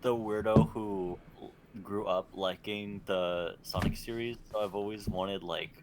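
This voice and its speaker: A man's voice: lowish voice, steady tone, unhurried, very noisy. A man co-hosting a casual gaming podcast, explaining things in a rambling, hesitant way with many fillers. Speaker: podcast co-host. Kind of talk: casual chat.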